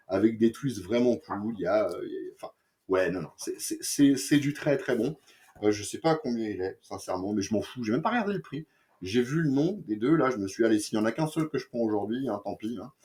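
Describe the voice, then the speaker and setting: A man's voice: lowish voice, expressive, fairly quick, darkish tone. Rambling French man reviewing comics. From France. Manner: rambling, crude slang, many fillers and restarts. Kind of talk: casual review chat.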